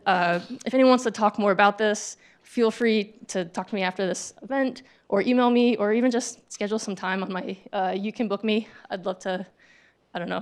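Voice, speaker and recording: Gravelly-voiced woman giving a casual talk. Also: mid-range voice. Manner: conversational, acts out sample dialogue, frequent ums and restarts. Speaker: tech meetup speaker. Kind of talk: casual presentation to an audience. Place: meetup event venue.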